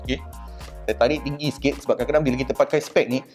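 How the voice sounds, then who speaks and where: A man's voice: medium pitch, steady tone, very fast, a little mellow, soft background music. A Malaysian man talking through a cloth mask, chatty and casual, reviewing a product for his vlog and mixing English into his speech.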